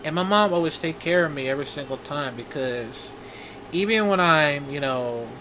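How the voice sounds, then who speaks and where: A man in his twenties talking in a personal video diary, halting and rambling with many restarts. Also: a little high, background noise. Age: 20s. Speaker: vlogger.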